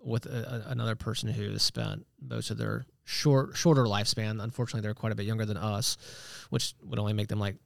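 A man's voice: fairly low pitch, fast talker, creaky, few pauses, dry recording, clean studio sound. A man hosting a podcast, chatting casually and joking with his guests. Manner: relaxed, joking, wraps up the show. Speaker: podcast host. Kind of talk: casual chat.

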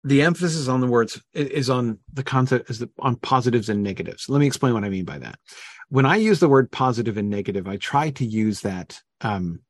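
Husky-voiced man thinking aloud over scripture. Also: mid-range voice, lively intonation, a little fast, no room sound. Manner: thinking aloud, frequent restarts and "right?". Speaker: Bible teacher. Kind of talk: informal scripture study talk.

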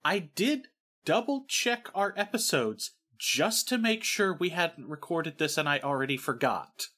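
Bright, husky podcast co-host woman. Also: lowish voice, animated, a little slow. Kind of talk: casual podcast chat.

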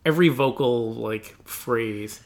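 A man with a gravelly voice chats in a relaxed way on a podcast. He often hesitates and gropes for the right words. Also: medium pitch, takes it slowly. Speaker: podcast co-host. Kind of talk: casual chat about music.

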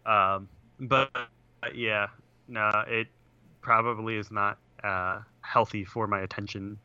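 Speaking slowly at a fairly low, steady pitch, this young podcast co-host rambles through a casual chat, peppering it with "like" and "uh". His tone is sharp but smooth. He's on a computer video call that keeps cutting out, and the sound is dull with no room echo.

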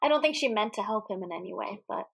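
A woman co-hosting a podcast in casual film chat, animated, laughing often and swearing freely. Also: medium pitch, fast, vocal fry, slightly rough. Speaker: podcast co-host. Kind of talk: casual movie discussion.

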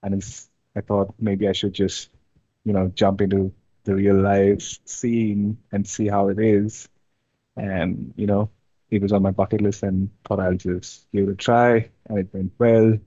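A young man from India, chatting casually as an interview guest, relaxed and hesitant with many fillers. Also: fairly low pitch, measured pace, slightly rough, dry recording, lo-fi sound. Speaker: interview guest, amateur drifter.

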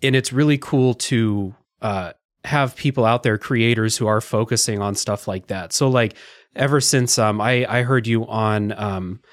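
Here a man hosts a video game review podcast in clean studio sound with no echo, his voice fairly low and unhurried. He banters easily with a guest, leaning on lots of fillers, and reads thanks to the sponsors.

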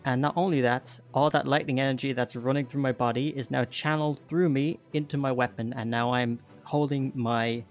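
Male player, keen storyteller of his turns, middle-pitched voice, quiet music behind. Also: fairly even intonation, fairly quick, hardly any pauses. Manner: eager, vividly describes his moves. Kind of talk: tabletop game play.

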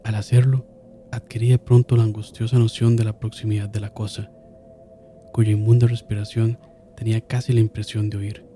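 A man narrating a horror story in a slow, solemn manner, dropping to a hush and swelling again. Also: fairly low pitch, level tone, faint music behind. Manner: slow, solemn, with hushed drops and sudden swells. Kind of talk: dramatic horror story reading.

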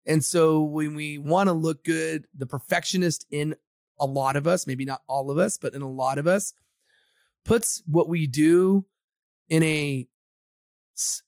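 A man's voice: a little high, darkish tone, dry recording, clean studio sound. A man from Samoa, a podcast guest and agency founder, speaking confidently and motivationally in a casual interview.

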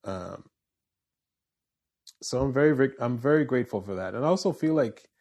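A Canadian man in his forties with a fairly neutral accent, a musician talking in a relaxed interview, restarting phrases as he thinks. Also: medium pitch, brisk. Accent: fairly neutral Canadian English. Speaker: musician and voiceover artist guest. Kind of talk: casual interview chat.

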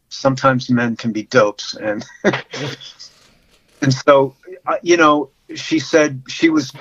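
A man in his sixties telling a personal story as a podcast guest, talking haltingly with many restarts and repeated words. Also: medium pitch, a bit bright, dry recording. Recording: dull lo-fi sound.

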